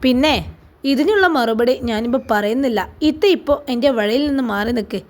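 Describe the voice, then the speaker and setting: A woman voicing a calm, devout young mother who answers in a firm, measured way. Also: fairly high pitch, lightly acted.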